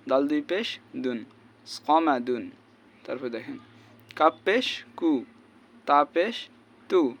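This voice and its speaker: A man teaching Arabic reading, slowly chanting letter names and vowel marks as a repeating drill. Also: fairly high pitch, a bit bright. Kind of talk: slow spelled-out recitation lesson.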